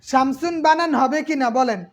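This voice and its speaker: Woman teacher, high voice, patient, repeats and quizzes students. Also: fairly quick. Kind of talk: online exam-prep class.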